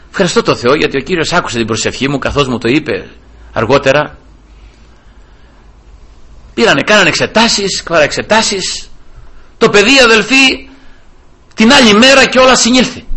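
A man's voice: high-pitched, lively intonation, long pauses, pushed and bright, husky. An older man preaching a sermon, telling a personal testimony with passion that climbs to fervent peaks.

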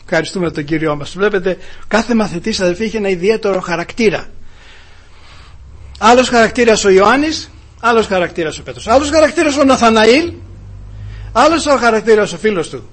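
A man preaching a sermon emphatically, dropping to hushed asides and rising to loud exclamations, and often addressing the congregation as brothers. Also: high voice, animated, long pauses, husky.

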